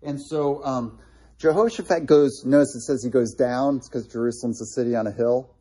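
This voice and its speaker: A man leads a relaxed Bible lesson, walking listeners through a map with plenty of ums and false starts. His voice is husky and a little breathy. The tone sits dark and mellow throughout. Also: medium pitch, fairly quick. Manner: conversational, with frequent fillers and restarts; points out places on a map while explaining. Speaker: Bible teacher. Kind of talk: casual Bible study teaching.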